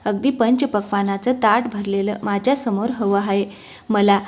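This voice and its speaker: A woman's voice: mid-range voice, fairly even intonation, moderate pace, a little mellow, lightly acted. A woman voicing a playful, affectionate young husband who teases his wife, in a storybook reading. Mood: teasing. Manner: teasing, affectionate.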